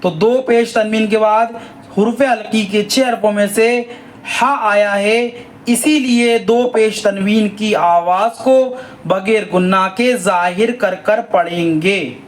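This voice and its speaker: A man teaching Quran reading, drawing out each letter sound slowly in a sing-song way, then explaining briskly. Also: sits high, poor audio. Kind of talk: slow spelled-out recitation lesson.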